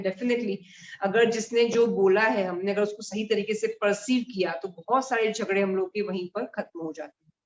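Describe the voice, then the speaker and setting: A woman teaching mudra therapy to a live group in a conversational way, explaining with everyday examples. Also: fairly high pitch. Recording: roomy and dull.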